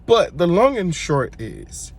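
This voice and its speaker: This Brooklyn, New York man is a church worship singer, chatting to camera about personal stories in a casual way. His high voice swings widely in pitch, moves slowly and sounds slightly rough and congested. He often corrects himself and addresses viewers directly over soft background music.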